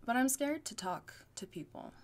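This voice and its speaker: A young woman talking to her channel in an unscripted vlog, rambling and halting with fillers, often laughing at her own words. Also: fairly high pitch, big pitch swings. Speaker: YouTuber.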